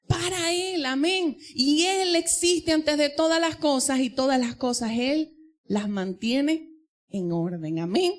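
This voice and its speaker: A woman teaching in church, telling a personal testimony and addressing the congregation directly. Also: sits high. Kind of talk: sermon.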